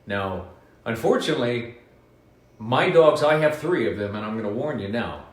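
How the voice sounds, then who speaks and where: A man hosting a live children's book reading from his home, telling the story in an animated, sing-song way. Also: mid-range voice, normal speed. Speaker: radio host reading to kids. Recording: roomy home echo.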